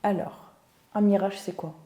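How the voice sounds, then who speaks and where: Young woman w/ telling her story, mellow voice, echoey room. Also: medium pitch, measured pace. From Tunisia. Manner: thoughtful, searches for words, animated when telling stories. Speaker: guest. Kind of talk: casual interview storytelling. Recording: roomy echo.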